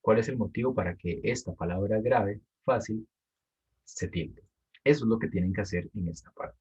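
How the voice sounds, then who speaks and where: Husky low-voiced male teacher. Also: normal speed, a little mellow, lo-fi sound. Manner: patient, explanatory, repeats key points. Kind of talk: explaining an assignment to students.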